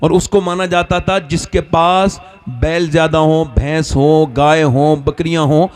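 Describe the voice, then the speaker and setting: A man's voice: a little high, steady tone, measured pace, faint music behind. A man from northern India preaching a sermon, telling stories and quizzing his audience with rhetorical questions.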